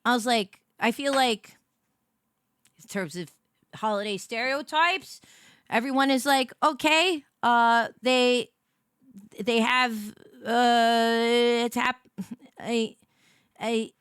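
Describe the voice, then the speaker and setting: A woman hosting a casual livestream, talking in an animated, slangy way with plenty of swearing. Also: fairly high pitch, slow, long pauses, clean tone, no room sound, studio quality. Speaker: VTuber streamer and host with a 1950s diner waitress persona.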